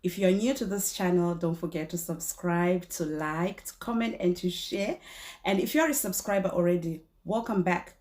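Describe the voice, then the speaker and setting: In a small indoor room, a woman in her thirties tells a true-crime story to camera, chatty and full of fillers and restarts. A cold makes her a little hoarse, and her lowish, slightly mellow voice moves at a moderate pace.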